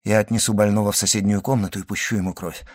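A man reading a grave, hushed doctor. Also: on the low side, little pitch movement, natural voice. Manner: solemn, measured, hushed. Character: grave middle-aged male physician, solemn, grim. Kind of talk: audiobook reading.

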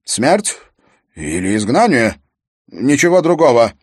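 A man reading an audiobook, voicing a fussy, insistent male royal chamberlain whose formal talk rises to shrill protest. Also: big pitch swings, unhurried, husky, no echo, clean studio sound.

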